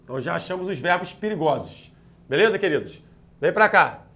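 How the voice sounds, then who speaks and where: A male grammar teacher drives through an exam-prep lesson in a high, bright-pitched voice. He talks with punchy energy and checks in with his students after nearly every point. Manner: energetic, peppers talk with quick check-ins to students. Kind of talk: lively exam-prep lecture.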